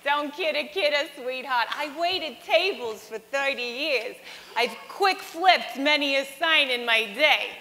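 A woman's voice: high voice, expressive, a little slow, bright, forceful tone, in a large hall, slight background noise, heavily acted. A woman playing a teasing older woman who once waited tables, in a church stage skit. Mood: sassy. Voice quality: sassy, teasing. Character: sassy old woman, former waitress, wisecracking. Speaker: actor in a church Christmas skit. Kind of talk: live stage comedy sketch.

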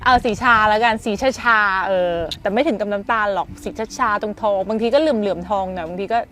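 A woman's voice: mid-range voice, a little fast, bright, forceful tone. A woman presenting car accessories to viewers in a chatty, self-teasing way, talking to them directly. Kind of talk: casual product presentation.

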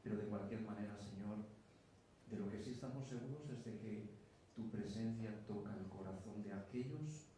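A man's voice: lowish voice, moderate pace, warm tone. A man leading an earnest, reverent spoken prayer as a pastor before a congregation. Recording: distant mic with echo and room noise.

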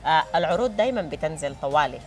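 Sudanese woman, deep for a lady, company rep giving promo info, faint music. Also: animated, very fast. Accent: Sudanese Arabic. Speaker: perfume company representative and prize announcer. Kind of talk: conversational promotional talk and prize announcing. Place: TV studio, standing.

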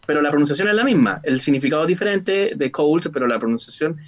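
A man's voice: fairly high pitch, expressive, quick pace. A man teaching an online English class, explaining step by step and often checking with "¿cierto?". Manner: explanatory, repeats "¿cierto?" and "digamos". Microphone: video call. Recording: lo-fi online call audio.

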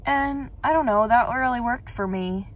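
A woman's voice: fairly high pitch, moderate pace. A young woman vlogging casually, chatting with lots of "like" fillers and easy laughs while out running errands. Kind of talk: casual vlog chat. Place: car and errands, in and out of doors.

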